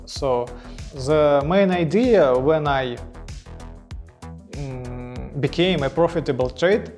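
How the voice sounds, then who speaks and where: A man, a trader introducing himself in slow, hesitant English full of fillers. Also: a little high, darkish tone, soft background music. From Kazakhstan. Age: 30s. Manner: slow, hesitant, many fillers and broken phrasing. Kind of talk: self-introduction in halting non-native English.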